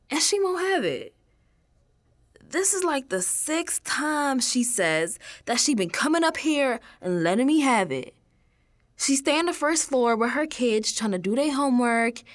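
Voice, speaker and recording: In a dramatic radio monologue, an actress voices an unravelling young American woman, troubled and defiant, who confides her story in tones that swing from hushed to emphatic. She is a young adult and sounds on the high side.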